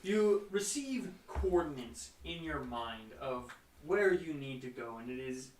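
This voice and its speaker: A man's voice: medium pitch, very animated, a little slow, a little mellow, far from the mic, a little hiss or hum. A man narrating as game master in a tabletop game, chatty and laughing often. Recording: echoey room, off mic.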